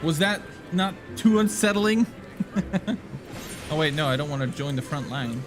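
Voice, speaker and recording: A man's voice: a little high, expressive, fairly quick, noisy background. Rambling, chatty male game streamer. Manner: rambling, laughing, swears offhand. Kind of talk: casual live-stream chat. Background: game music.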